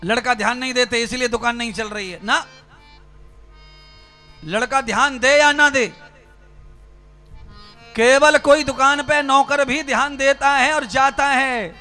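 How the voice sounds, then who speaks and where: This man preaches with a very high, bright voice, and he speaks straight to his listeners. He drives his points home with rhythmic repeated phrases. Soft music plays behind him. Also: fairly even intonation, unhurried, pauses often. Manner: exhorting, direct address to listeners, rhythmic repetition. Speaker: spiritual preacher. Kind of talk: sermon.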